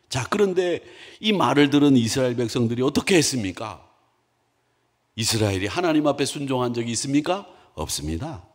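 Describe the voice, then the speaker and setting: A man's voice: fairly high pitch, a bit bright. A male pastor preaching a Wednesday sermon, addressing the congregation with rhetorical questions. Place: church sanctuary. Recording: echoey church hall.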